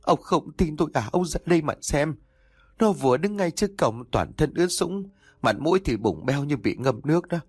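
A man's voice: on the high side, expressive, moderate pace, gravelly, husky, no echo, pitched above the performer's own voice, heavily acted. Man doing a wailing, grieving old village mother. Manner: wailing, pleading.

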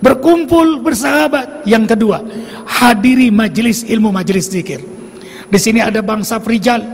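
A man's voice: high-pitched, steady tone, moderate pace, slightly rough. A man preaching a fervent sermon, calling out to his congregation. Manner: fervent, rousing, calls out to the congregation. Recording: long hall reverb.

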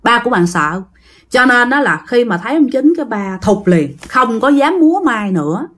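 A woman's voice: a little high, very animated, moderate pace. A woman with a Southern Vietnamese accent casually telling a ghost story, chatting directly to her listeners. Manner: chatty, addresses listeners directly, acts out quoted speech.

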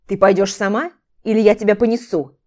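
A woman voicing a domineering ex-husband in an audiobook, speaking in a flat, calm, mocking way. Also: medium pitch, fairly quick, natural voice. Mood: commanding.

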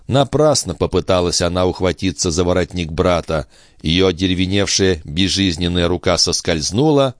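A man reading a novel aloud as an audiobook narrator, with measured, expressive storytelling. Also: low-pitched, no echo, studio quality.

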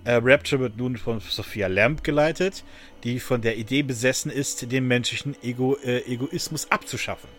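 Speaking at a normal speed in a mid-range, slightly bright voice, a man hosts a casual podcast. His talk is loose, with lots of fillers, restarts, and laughter.

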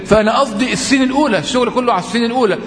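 An Egyptian man teaches a tajweed lesson in a high, clear voice. He explains patiently, repeats his points and stretches out example words slowly. The sound rings in a roomy space with a long, trailing reverb. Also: a bit bright. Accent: Egyptian Arabic. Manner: patient, repetitive explaining, drawn-out example readings. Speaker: Quran recitation teacher. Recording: echoey room with long reverb.

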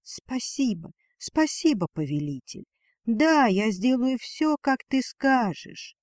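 A man's voice: very high-pitched, sing-song, slow pace, no echo, studio quality, pitched above the performer's own voice, heavily acted. A man voicing Ninalia, a proud female dragon and mother who fights for her weak daughter, speaking in a defiant, pleading manner. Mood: meek. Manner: pleading then spitting defiance.

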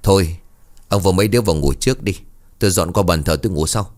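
A man voicing a stingy, scolding middle-aged village mother who nags in a fast, sharp way. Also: natural voice. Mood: nagging. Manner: nagging, shrill scolding.

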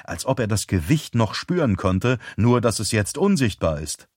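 Low-voiced male audiobook narrator. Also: very animated, moderate pace, darkish tone, dry recording, studio quality. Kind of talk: scripted narration.

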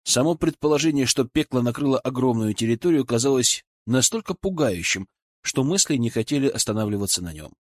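Expressive male audiobook narrator. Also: medium pitch, fairly quick, no room sound, clean studio sound. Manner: expressive, animated reading.

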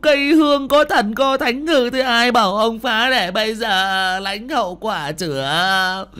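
A man voicing an older village wife who wails and berates her husband in a shrill voice. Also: a little slow, sharp tone, smooth. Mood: scolding. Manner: wailing, berating.

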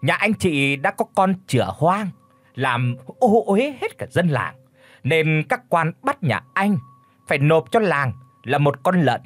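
A man voicing a bullying, foul-mouthed old village chief who shouts threats and orders. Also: on the high side, no echo, full character voice.

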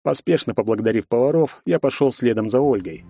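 A man narrating a first-person audiobook in a measured, even storytelling manner. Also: medium pitch, breathy edge.

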